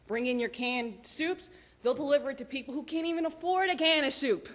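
A woman giving lively, chatty announcements to a church congregation, laughing often. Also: sits high, brisk. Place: church sanctuary. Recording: long church reverb.

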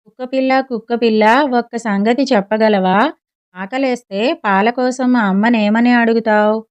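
A woman's voice: a little high, steady tone, a little slow, smooth, close to an everyday voice. A woman voicing a tiny, hungry, motherless kitten that pleads in a tearful sing-song, in a slightly muffled recording. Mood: tearful pleading.

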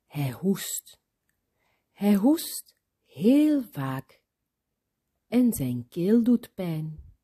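A woman reads a children's story aloud at a very slow, careful pace. Her voice is breathy and husky, and it rises and falls a lot, sometimes sinking to a whisper. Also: mid-range voice. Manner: very slow, expressive, drops to whispers.

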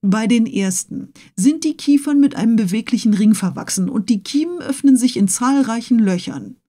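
Woman reading as a fussy male scholar-servant, lecturing precisely, lifted pitch, mellow tone, storybook audiobook. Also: expressive, moderate pace. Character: pedantic learned male servant, tireless.

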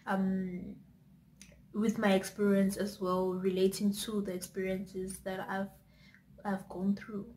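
A woman's voice: medium pitch, darkish tone, slight background noise, low-quality recording. A woman vlogging casually to her channel, rambling a little with frequent fillers and restarts. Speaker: YouTube vlogger. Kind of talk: casual to-camera chat.

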